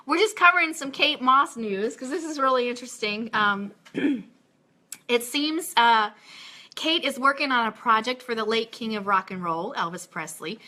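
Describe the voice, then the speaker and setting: Moving from casual chat to news items, a woman presents a live radio show in a gushing, excitable way. She speaks at a moderate pace in a voice on the high side.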